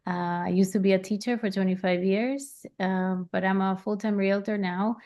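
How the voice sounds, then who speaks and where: A middle-aged woman from Puerto Rico introducing herself as a realtor on a webinar, relaxed and full of ums. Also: mid-range voice, normal speed.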